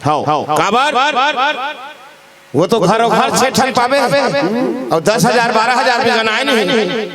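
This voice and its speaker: A man's voice: very high voice, animated, takes it slowly, long pauses, over a noisy crowd. A man with a Chhattisgarhi accent, chatting folksily and rambling as stage announcer at a devotional singing contest. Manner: chatty, rambling, addresses elders as "bade dada". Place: outdoor village stage.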